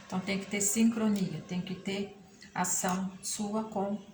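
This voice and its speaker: A woman's voice: mid-range voice, little pitch movement, unhurried, darkish tone. Brazilian woman teacher in an echoey room. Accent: Brazilian Portuguese. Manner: patient, checks in with frequent "tá?". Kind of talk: remote lesson explaining a textbook. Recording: echoey room with background noise.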